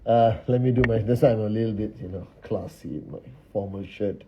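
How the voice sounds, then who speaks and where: Upbeat man reading out viewer shout-outs. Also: fairly low pitch, dull audio, a little hiss or hum. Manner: upbeat, reels off viewer names with quick greetings. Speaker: host of a live stream. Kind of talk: casual live-stream greetings and shout-outs. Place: indoors, just back from a dinner.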